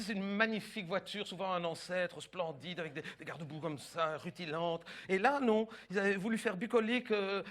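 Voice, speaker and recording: A man's voice: sits high, background noise. A man performing a stand-up comedy routine, telling a story and acting out the people in it with shifts of voice.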